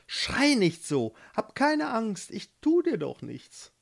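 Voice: mid-range voice, huge pitch swings, slow, vocal fry, voice pushed up, exaggerated voice. A storyteller voicing an eager, lovestruck young prince who speaks earnestly, in a read-aloud fairy tale. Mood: tender.

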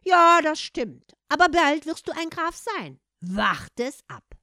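A woman's voice: medium pitch, sing-song, a little slow, no room sound, studio quality. A woman voicing a sly, bossy talking tomcat who scolds and schemes, in a read-aloud fairy tale. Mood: scheming, bossy.

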